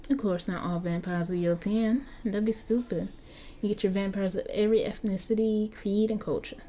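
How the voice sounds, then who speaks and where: A cocky undead street kid with a Southern US drawl, rattling off slangy asides as a woman reads the part in an interactive story. The voice is soft and mellow rather than bright. A faint noise sits under the recording. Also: medium pitch, steady tone, normal speed, close to an everyday voice. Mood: breezy. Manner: chatty, flippant, slangy. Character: cocky young-looking vampire, century-old street kid. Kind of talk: reading an interactive story aloud.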